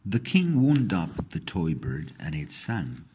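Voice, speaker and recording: A man narrates a scripted fairy tale with measured, expressive storytelling, his low voice husky and gravelly.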